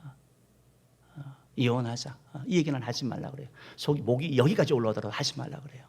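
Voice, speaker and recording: A man's voice: medium pitch, animated, rapid-fire, gravelly, a little mellow, breathy edge. A man, a senior pastor, preaching a sermon and speaking directly to his congregation, now and then leading them in reading aloud. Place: church sanctuary.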